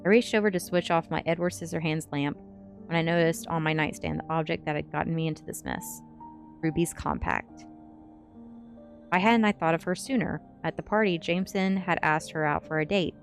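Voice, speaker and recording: Here a sleepy streamer reads books aloud for an ASMR session, talking casually to viewers over background music. Her voice is low, creaky, and a little fast.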